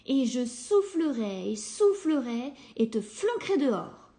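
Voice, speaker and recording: A woman voicing a lazy, rude little pig who shouts insults at a kind wolf in a storybook tale. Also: a little high, sing-song. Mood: rude shouting. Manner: shouting, quick and insolent. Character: rude, loud, lazy little piglet boys.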